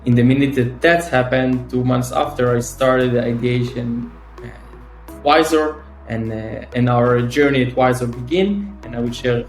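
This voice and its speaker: A man's voice: mid-range voice, normal speed. A man in his thirties from Israel, a startup founder talking eagerly in a casual interview over a video call, with frequent fillers and restarts. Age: 30s. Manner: fillers and restarts, eager, slightly non-native phrasing. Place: home or office in Tel Aviv. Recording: roomy call audio with faint music.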